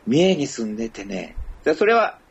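A man's voice: medium pitch, a little fast, vocal fry, highs cut off, a little hiss or hum. A man from Kyoto with a Kansai accent, giving casual feedback on a speech and slipping into English now and then. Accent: Kansai Japanese. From Kyoto, Japan. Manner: lively, mixes in English and Kansai dialect. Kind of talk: casual online chat.

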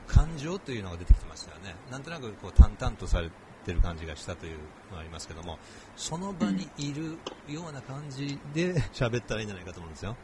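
A man's voice: fairly low pitch, big pitch swings, background noise. A man coaching on spoken English in casual chat, dropping in English phrases. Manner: quick, mixes in English phrases. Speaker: co-host and English speaking coach.

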